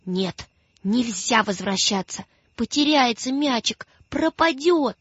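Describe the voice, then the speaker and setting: A woman's voice: animated, slow pace, breathy edge, dry recording, full character voice. A woman voicing a frightened little girl who cries and pleads in rhyming lines. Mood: worried. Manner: high, crying, rhyming pleas. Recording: dull lo-fi sound with faint music.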